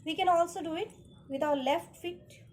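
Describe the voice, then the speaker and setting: A woman's voice: very high voice, moderate pace, noisy background. A woman teaching an online dance lesson, calling out rhythm syllables and counts.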